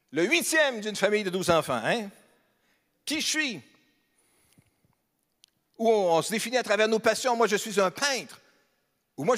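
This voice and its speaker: With a very high, somewhat bright voice, a Beauce-born pastor speaking Québécois-accented French preaches in a church hall. His sermon is light, conversational and humorous, full of questions put to the congregation, and the recording has a long hall reverb.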